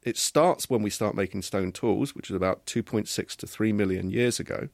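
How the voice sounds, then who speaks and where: Measured male professor explaining. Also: lowish voice, creaky, darkish tone, dry recording, studio quality. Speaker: professor of evolutionary genetics. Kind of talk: interview answers.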